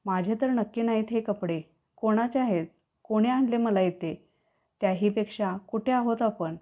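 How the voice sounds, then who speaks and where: A woman's voice: mid-range voice, moderate pace, close to an everyday voice. A narrator puts on a bewildered young woman who keeps demanding answers. She asks bluntly and impatiently, in a mid-range voice. The audio is narrow and tinny like a phone line. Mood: confused. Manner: blunt questioning.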